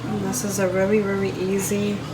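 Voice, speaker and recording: Talking straight to the camera as she cooks, this woman keeps things informal for her vlog audience. She speaks briskly in a monotone, medium-pitched voice, over clearly noisy home-video sound.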